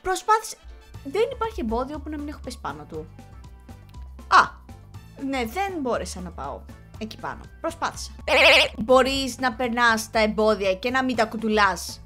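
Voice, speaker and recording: Young woman gamer, lively swooping pitch, yells at the screen, faint music behind. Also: pauses often. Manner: excitable, yells and scolds the game. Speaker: gaming YouTuber. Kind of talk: live gameplay commentary.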